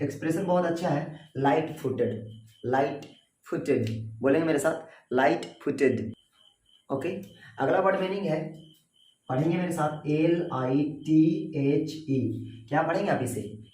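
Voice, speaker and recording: Slow-drilling man, echoey room, distant mic. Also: mid-range voice, a little mellow. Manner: slow, drawn-out pronunciation drills, spelling words letter by letter; addresses viewers as sir and bhai. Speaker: English vocabulary teacher. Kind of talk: Hindi vocabulary lesson with repeat-after-me drills. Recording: roomy echo, voice from a distance.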